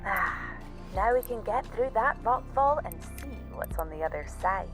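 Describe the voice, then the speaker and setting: Woman acting an upbeat, lively-voiced young-spirited sci-fi explorer. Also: mid-range voice, moderate pace, faint music behind, close to an everyday voice. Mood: curious. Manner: breezy, teasing, enthusiastic. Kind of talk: video game voice acting.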